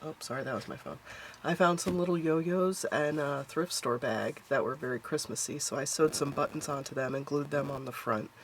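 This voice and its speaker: A woman's voice: sits low, moderate pace, background noise. A woman hosting a casual craft journal flip-through from her home craft room, talking in a chatty, homey way with a stuffed-up, nasal voice. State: stuffed up, congested nose. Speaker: craft channel host.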